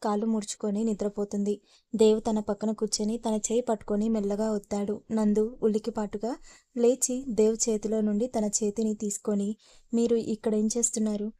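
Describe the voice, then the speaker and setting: A woman storyteller reading a romance story aloud in a steady, even way. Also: medium pitch, brisk, no echo. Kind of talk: story narration.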